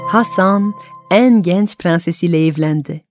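Over music, a woman with a lowish voice narrates a folk tale for adult radio listeners, telling it expressively with dramatic, deliberate phrasing and pauses.

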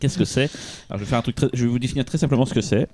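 Over a noisy background, a podcast co-host with a medium-pitched voice rambles through a casual chat about a film, speaking rapid-fire with many restarts and hesitations.

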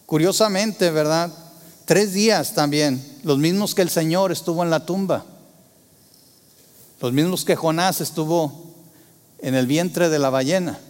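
A man with a voice on the high side preaches a sermon in a large hall, asking the congregation rhetorical questions. He speaks at a measured pace with long pauses, shifting between loud emphasis and hushed tones.

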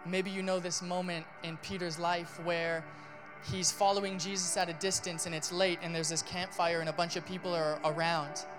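A male pastor giving a sermon in a casual, animated storytelling style, full of fillers. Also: high voice, normal speed, over music.

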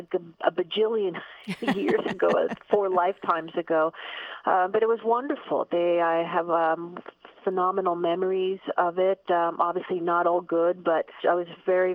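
A woman's voice: fairly low pitch, no echo. Older lady from miami by way of cuba, chatty w/ lots of uh and um, phone-line audio. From Cuba, raised in Miami. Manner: chatty, many fillers and restarts, laughs often. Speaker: guest, ballet company artistic director. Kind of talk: podcast interview.

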